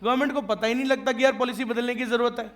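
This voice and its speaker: Very high-voiced man teaching a class. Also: little pitch movement, very fast, a bit bright. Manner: checks often that students follow; joking and teasing with students. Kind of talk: classroom lecture.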